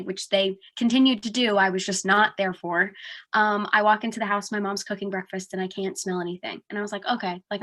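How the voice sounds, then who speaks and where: A young woman from New Jersey co-hosts a podcast, telling a story in a casual chat and saying "like" a lot. She sounds congested. Her voice is mid-range and a little bright.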